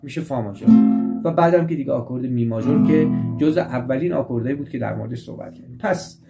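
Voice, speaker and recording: In a creaky, medium-pitched voice, a man gives a guitar lesson, patiently going over chord shapes. He repeats and restates each step, with guitar playing audible behind him.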